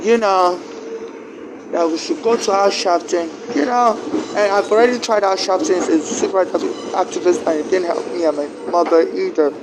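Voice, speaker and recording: Loud, steady traffic noise runs behind a Nigerian-accented man, a non-native English speaker, as he recounts a personal grievance. His voice is fairly high and his pace moderate, and he stumbles, repeats words and restarts sentences.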